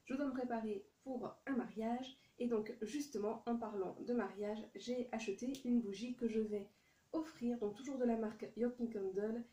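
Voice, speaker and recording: A woman's voice: on the high side, fairly even intonation, mellow, roomy sound. A French-speaking woman filming a casual haul vlog, talking in a chatty, hesitant way with many fillers. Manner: reads English product names in a deliberate French accent. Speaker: vlogger showing a haul.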